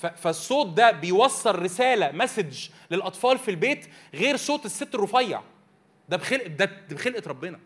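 A man with an Egyptian Arabic accent leads a church youth meeting from slides, repeatedly asking the audience questions to draw them in. He talks fast in a high, sing-song, husky voice.

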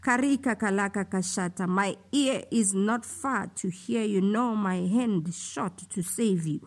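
A woman delivering a slow, solemn prophetic utterance, with passages of speaking in tongues between declamatory lines. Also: medium pitch. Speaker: prophetic preacher.

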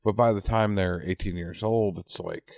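A fairly low, gravelly, slightly mellow voice belongs to an American man in his forties, recorded dry with no echo or room sound. Co-hosting a podcast at a normal speed and steady tone, he chats casually, often repeating words as he works through an anecdote.

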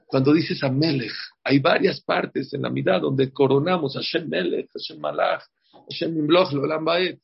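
Gravelly man teaching a religious class. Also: on the high side, fairly even intonation, moderate pace. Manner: emphatic, checks in with "ok?", repeats words. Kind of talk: religious class before a holiday. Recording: dull lo-fi recording.

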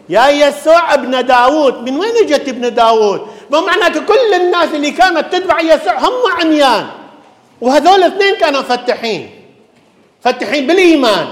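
A man with an Iraqi Arabic accent, a priest giving an animated sermon full of rhetorical questions, voicing the people in the gospel stories. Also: extremely high pitch. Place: large church. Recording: echoey church hall.

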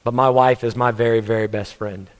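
A man's voice: medium pitch, steady tone, a little fast. Preaching man in a reverberant hall. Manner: storytelling preacher, asks the congregation questions. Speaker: pastor. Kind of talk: sermon.

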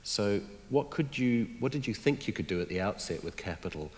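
A man's voice: on the low side, animated, a little fast, big-room sound. A man interviewing an author, asking probing questions in a conversational way.

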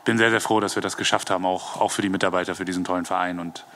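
A man giving a spontaneous interview answer for a football club, halting and repeating words. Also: low voice, steady tone, fairly bright tone, slight background noise.

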